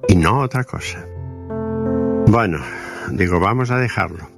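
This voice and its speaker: A man speaks in a deep, gravelly voice. He explains spiritual ideas slowly and earnestly, and faint music plays behind him. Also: expressive. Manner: slow, deliberate, earnest explaining. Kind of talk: reflective spiritual talk.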